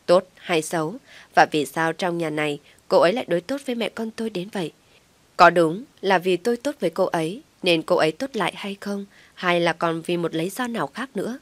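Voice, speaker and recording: A woman's voice: lowish voice, no room sound. A woman reading a first-person family story aloud, with reflective, worried narration. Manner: reflective, worried inner monologue.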